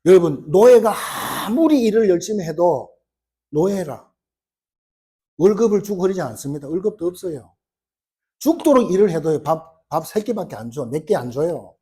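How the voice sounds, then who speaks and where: A man preaching a sermon as pastor, telling stories with lively delivery and acting out quoted lines. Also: high-pitched, moderate pace, husky.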